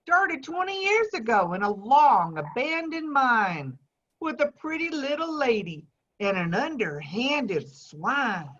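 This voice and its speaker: An actress playing an old folksy narrator who tells a rhymed melodrama tale. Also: female voice, high voice, very animated, slow, fairly bright tone, lo-fi sound, full character voice. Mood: folksy, eager. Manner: folksy, rhyming storyteller.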